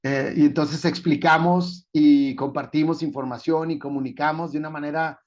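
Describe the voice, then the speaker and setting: A man's voice: fairly high pitch, fairly even intonation, moderate pace, a little mellow, dull audio. A man giving a talk at a forum, putting rhetorical questions to the audience and explaining with everyday examples. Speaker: conference speaker.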